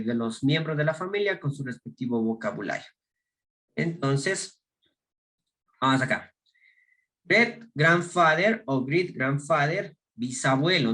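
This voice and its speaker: Ecuadorian guy teaching english vocab online, slow and kinda high voice. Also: fairly bright tone. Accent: Ecuadorian Spanish. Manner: slow, explaining in Spanish and modeling English words. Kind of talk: recorded online class.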